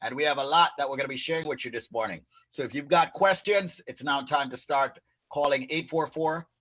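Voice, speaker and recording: Bright-voiced man co-hosting a radio show. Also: fairly high pitch, fairly quick. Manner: lively, joking banter. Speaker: co-host, immigration attorney. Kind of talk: live radio talk show.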